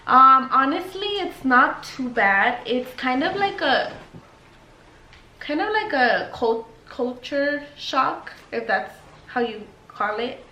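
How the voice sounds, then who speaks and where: A woman's voice: sits high, sharp tone. A young woman YouTube vlogger, tipsy and rambling in a casual Q&A chat, blunt and sweary. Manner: tipsy, loose rambling talk. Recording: echoey room with faint noise.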